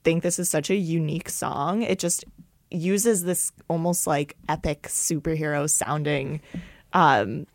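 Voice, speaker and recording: A woman's voice: deep voice, no room sound, studio quality. A woman co-hosting a casual music podcast, speaking with many ums and frequent laughter. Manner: laughs often, filler-heavy, slow and thoughtful. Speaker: podcast co-host.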